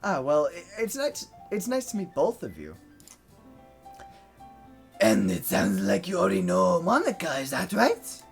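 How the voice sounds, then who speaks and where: A woman puts on a timid, mature teenage girl who speaks softly and hesitates. Her slow delivery stays low. Soft music plays behind her. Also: big pitch swings, creaky, full character voice. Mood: shy.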